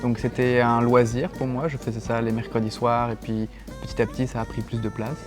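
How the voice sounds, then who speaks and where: A man's voice: mid-range voice, level tone, a little fast. A young man from France, a circus base speaking easily and hesitantly in an interview. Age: young adult. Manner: easygoing, hesitant with fillers. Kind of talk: interview testimony. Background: guitar music.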